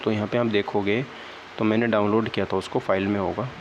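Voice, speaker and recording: Brisk and flat, a young man with a fairly low-pitched voice explains things casually to his audience. This exam-prep vlogger sounds disappointed and downcast, leaning on little "okay, right" check-in tags. The audio is dull and lo-fi, with faint noise in the background.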